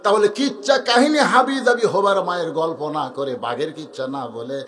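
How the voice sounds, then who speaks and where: Animated high-voiced man preaching a sermon. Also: a little fast. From Bangladesh. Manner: animated storytelling, acting out characters with swings of pitch and loudness; joking, draws laughs.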